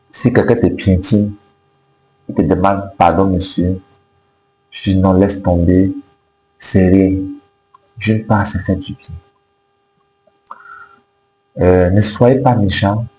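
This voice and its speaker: Guy with in giving life advice, slow and mellow, echoey room w faint hum. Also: deep voice, fairly even intonation. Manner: emphatic, repetitive, didactic. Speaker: self-help video host. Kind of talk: motivational advice to camera. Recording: roomy echo with faint noise and hum.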